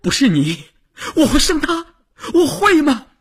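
A man voicing a distraught middle-aged mother in a radio novel reading, choked up and pleading, her outcries climbing high. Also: sing-song, measured pace, heavily acted. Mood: indignant.

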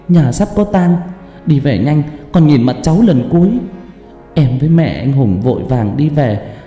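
A man's voice: on the high side, warm tone, pitched above the performer's own voice. A man voicing a frightened young woman in a horror story, her telling pleading and breathless. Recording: echoey hall, long reverb, faint music.

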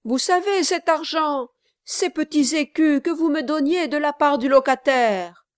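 A woman's voice: sits high, a little slow, no room sound, clean studio sound, voice pushed up. A woman doing a desperate honest young servant. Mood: urgent. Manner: pleading, anguished, loud.

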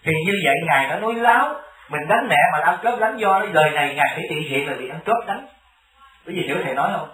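A man's voice: a little high, animated, quick pace, pushed and bright. A man, a Buddhist monk giving a sermon, telling stories and often asking his listeners questions. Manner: storytelling, often asks the audience questions. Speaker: Buddhist monk teaching a congregation. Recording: echoey hall, distant mic.

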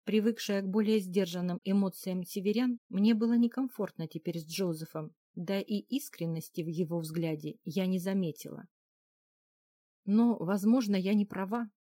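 Audiobook narrator, woman, mellow low-ish voice, dry close sound. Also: moderate pace, no echo. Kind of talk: first-person audiobook narration.

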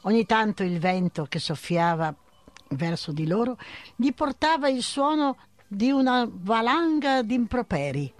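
Man reading a story out loud, pretty high voice, dry sound. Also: sing-song, a little slow, dry recording.

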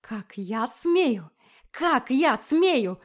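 Casting note: woman playing furious male knight commander, shouting, threatening. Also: fairly high pitch, normal speed, lightly acted.

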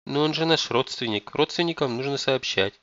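A man voicing a shocked adult daughter who fires off excited questions. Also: mid-range voice, fairly quick, dry recording, highs cut off, voice pushed up, natural voice.

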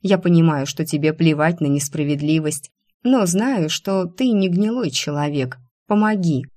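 Low-voiced woman narrating a novel. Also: moderate pace, dark tone. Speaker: audiobook narrator. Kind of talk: first-person novel narration.

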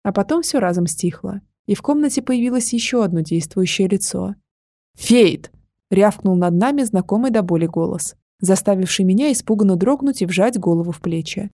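A woman narrating a first-person fantasy audiobook with wry, lively storytelling. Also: medium pitch, fairly quick, hardly any pauses, dry recording.

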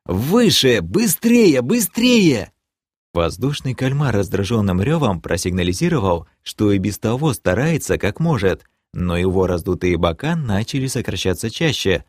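A man narrating a fantasy audiobook in first person, dramatic and lively, breaking into shouted lines. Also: low-pitched, moderate pace, few pauses, no room sound, studio quality. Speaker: audiobook reader.

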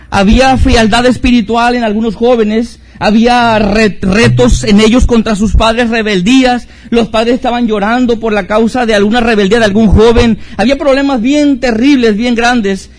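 High-voiced earnest preaching pastor. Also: male voice. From Mexico. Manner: earnest preaching with rhetorical questions and repetition. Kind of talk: sermon.

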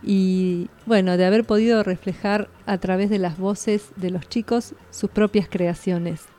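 A woman's voice: medium pitch, fairly even intonation, measured pace, warm tone. A woman with an Argentine accent co-hosting a school radio show, introducing the next segment. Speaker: teacher co-host.

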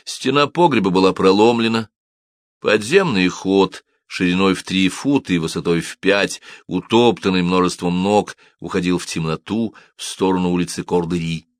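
A man narrating an audiobook in an expressive, dramatic reading style. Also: low-pitched, moderate pace, no room sound.

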